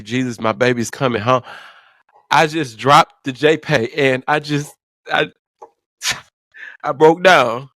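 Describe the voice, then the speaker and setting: A man tells a personal story to his camera, clearly emotional and close to tears. His speech is halting, full of restarts, repeated words and blunt language. His voice sits at an ordinary pitch in a dry, close-sounding space. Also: sharp tone, dry recording. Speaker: vlogger.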